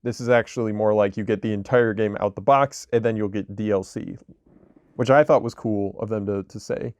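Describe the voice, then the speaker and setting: A man's voice: lowish voice, fairly even intonation, a little fast, darkish tone, dry recording. A man co-hosting a podcast, talking casually about video games in a rambling way full of restarts. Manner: rambling, lots of likes and restarts. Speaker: podcast co-host. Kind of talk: casual gaming chat.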